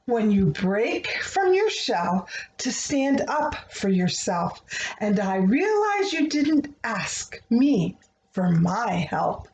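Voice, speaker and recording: In a dull, echoey room with faint background noise, a woman hosts a read-aloud, performing a rhyming picture book with feeling before talking gently to young children. Her mid-range voice is very animated, slow and darkish, tender and earnest in manner.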